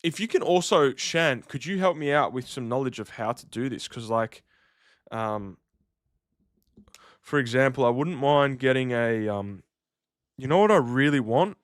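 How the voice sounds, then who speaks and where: A man's voice: mid-range voice, expressive, measured pace, no room sound, studio quality. A man, chatting casually to livestream viewers in a slangy, matey way. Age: 30s. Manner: laid-back slangy, matey address. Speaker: livestream host.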